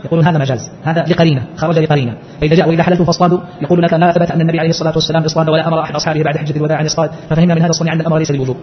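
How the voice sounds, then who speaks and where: A man's voice: fairly high pitch, flat delivery, rapid-fire, hardly any pauses, slight background noise. A man teaching and explaining a scholarly text, posing rhetorical questions as he goes. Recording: muffled lo-fi lecture recording.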